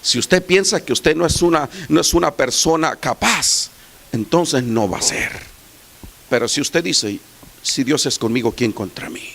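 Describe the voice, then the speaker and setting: A male pastor preaching a sermon, swinging from soft asides to loud shouted peaks. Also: on the high side, animated, unhurried, creaky.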